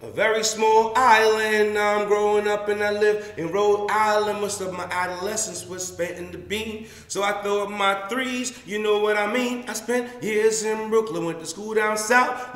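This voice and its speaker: A middle-aged man from Jamaica performing spoken word poetry, rhythmic and at times dropping to a hush. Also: sits high. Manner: rhythmic, dropping to a hushed whisper. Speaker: poet. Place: community room, indoors. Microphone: stand mic. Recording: echoey room with long reverb.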